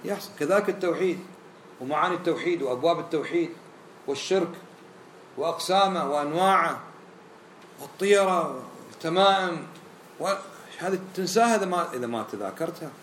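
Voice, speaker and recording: A man preaching a sermon in an animated way, acting out the voices he quotes. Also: a little high, quick pace, long pauses, a little hiss or hum. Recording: roomy echo, faint ambience.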